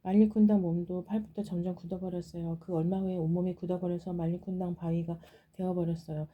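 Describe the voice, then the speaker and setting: A woman's voice: fairly low pitch, flat delivery, quick pace, muffled recording. A woman telling a folktale aloud in a casual way, with plain, simple phrasing. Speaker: storyteller.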